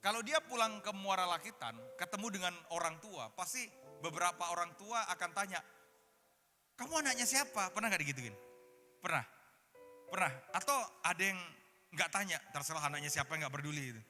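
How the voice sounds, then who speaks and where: In a big, echoing conference hall with background music, a man preaches an interactive sermon and teasingly quizzes the crowd. He talks fairly quickly in a high-pitched voice with a sharp edge.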